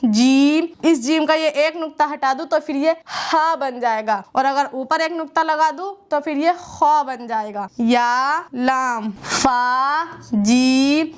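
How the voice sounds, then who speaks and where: Slow, high-voiced woman teaching letters. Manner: patient, drawn-out letter names, pointing at the page. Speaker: Quran reading teacher. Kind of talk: slow step-by-step letter lesson.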